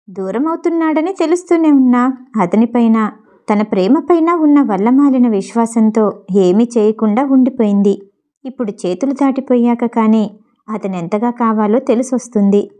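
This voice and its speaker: A woman reads a story aloud with a steady, emotive delivery. Her voice sits a little high for a woman yet sounds mellow and warm rather than bright. The narration is scripted and even. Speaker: audiobook narrator.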